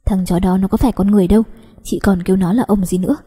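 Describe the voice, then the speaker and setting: A woman's voice: mid-range voice, steady tone, racing, mellow, breathy edge, big-room sound, natural voice. A coaxing young cousin, as a woman reader voices him. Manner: coaxing, tender and scolding.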